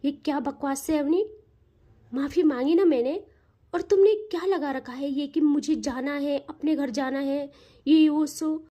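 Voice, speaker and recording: A woman's voice: sits high, a little slow, mellow. A woman voicing a young woman in love who coaxes, pleads and turns possessive, in a spoken audio love story. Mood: angry.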